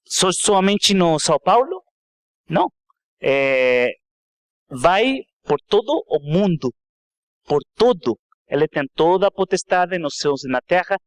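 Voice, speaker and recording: A man with a Spanish accent speaking non-native Portuguese in halting phrases, giving a church testimony as a guest preacher. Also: on the high side, smooth, dry recording, studio quality. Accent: foreign Spanish-speaking accent in Portuguese. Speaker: guest missionary speaker and theology student.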